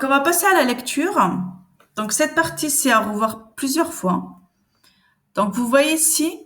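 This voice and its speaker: A woman teaching reading in a patient, conversational way, repeating sounds and syllables slowly and answering the questions she expects from learners. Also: on the high side, a bit bright. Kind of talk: step-by-step reading lesson.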